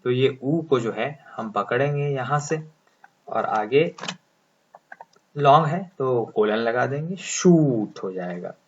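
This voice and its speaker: A man teaching English pronunciation, explaining step by step and drawing out each sound as he writes it. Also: mid-range voice. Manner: slow, deliberate, drawing out sounds as he writes symbols. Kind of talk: explaining lesson, speaking Hindi. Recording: dull lo-fi sound.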